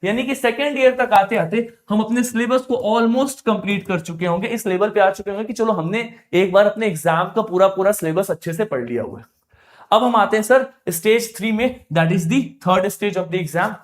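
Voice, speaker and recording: Male exam coach with a high voice, mix, punchy self-questioning teaching style. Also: normal speed. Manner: emphatic, repeats key phrases, asks and answers own questions. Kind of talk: explanatory coaching talk.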